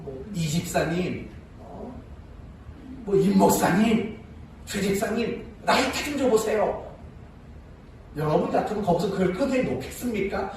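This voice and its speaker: A man's voice: high voice, heavy reverb, recorded from a distance, slight background noise, low-quality recording. A male pastor preaching a sermon and telling a story, often asking the congregation rhetorical questions.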